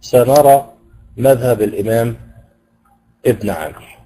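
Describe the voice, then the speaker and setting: A man with an Egyptian accent giving a university lecture on Quranic recitation, explaining slowly and pausing with hesitation sounds. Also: mid-range voice, mellow, poor audio. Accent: Egyptian Arabic.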